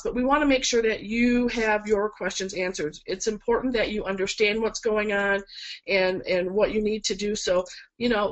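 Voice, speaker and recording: Recorded on a camera mic with poor audio, this is a woman florist instructor at an indoor work table, giving a webinar demonstration of a project. Her mid-range voice sounds nasal and stuffed-up from a cold, and she stays chatty and encouraging, saying "um" a lot.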